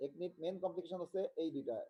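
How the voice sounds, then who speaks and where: A man from Bangladesh giving an online medical tutorial, talking haltingly and repeating himself as he checks in with students. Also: fairly high pitch, dark tone, soft background music, poor audio. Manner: halting, repetitive, with many restarts and check-ins. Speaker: medical lecturer.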